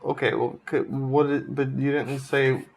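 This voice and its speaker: A man co-hosting a podcast in casual chat, talking hesitantly and asking questions with halting restarts. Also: mid-range voice, level tone, vocal fry, a little hiss or hum. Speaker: podcast co-host.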